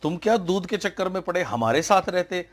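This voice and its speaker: A man's voice: sits high, animated, brisk, pitched above the performer's own voice. A man voicing a crowd of frogs that taunt and lecture a trapped frog. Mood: lecturing. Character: crowd of gossiping male frogs, discouraging and preachy.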